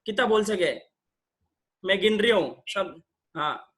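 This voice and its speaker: A man teaching an interactive online religious lesson over a video call, quizzing participants in a brisk, coaxing way and mixing in English phrases. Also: sits high, animated, a bit bright.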